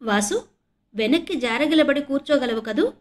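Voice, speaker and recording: Woman reading a gentle, reserved young man. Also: high-pitched, animated, moderate pace, pitched above the performer's own voice.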